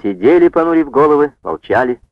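A man's voice: a little high, fairly quick, no room sound. Man narrating an audiobook, muffled sound. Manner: steady storytelling. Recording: dull dry lo-fi recording.

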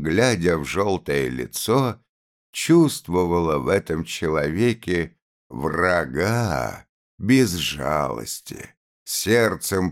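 A man narrating an audiobook of a classic novel in a measured, expressive reading. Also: low-pitched.

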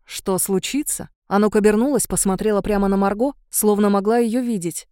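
A woman narrating an audiobook in an even, unhurried way. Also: medium pitch, clear, resonant tone, no room sound, clean studio sound.

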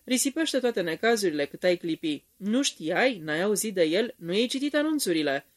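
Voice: medium pitch, sing-song. A reader voicing a chattering society lady who gushes and exclaims. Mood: gushing. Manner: effusive, exclaiming.

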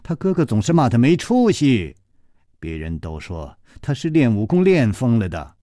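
A man voicing a flirtatious, lustful middle-aged woman who speaks low and breathy, almost whispering. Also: wildly swooping pitch, normal speed, warm tone, dry recording, studio quality. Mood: scornful.

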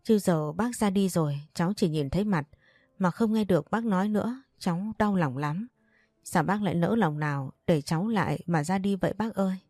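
A woman's voice: on the low side, brisk, warm tone, no room sound, studio quality, lightly acted. A woman voicing a grieving young woman who pleads and sobs through her lines, in a storybook reading. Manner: pleading, sobbing.

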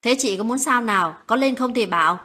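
A woman voicing a tender, lovestruck young man who speaks softly and coaxingly, in a late-night audio story. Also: fairly high pitch, lively intonation, brisk, husky, exaggerated voice. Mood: teasing.

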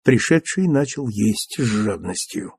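Male narrator reading a classic novel, husky gravelly voice, dry close sound. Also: on the low side, no echo. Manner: even, measured storytelling. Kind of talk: audiobook narration.

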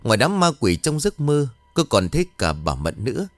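A man narrating a scripted ghost story with a measured storytelling cadence. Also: medium pitch, huge pitch swings, no echo, soft background music.

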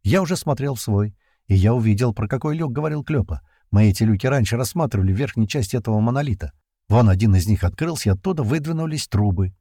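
A man narrating an adventure audiobook in the first person, in a steady storytelling manner. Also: medium pitch, fast, no echo, studio quality.

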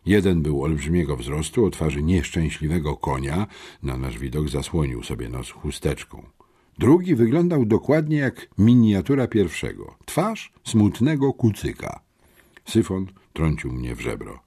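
Deep, husky male audiobook narrator. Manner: expressive storytelling with dramatic pauses.

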